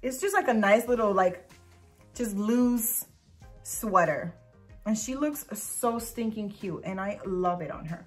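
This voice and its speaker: A young woman talks through a casual vlog, chatty and gushing as she shows things to the camera. Her voice sits at an ordinary middle pitch for a woman. Light music plays faintly underneath. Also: a little slow. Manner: chatty and gushing, breaks into a high cooing dog-mom voice. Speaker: vlogger showing dog clothes. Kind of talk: casual product review vlog.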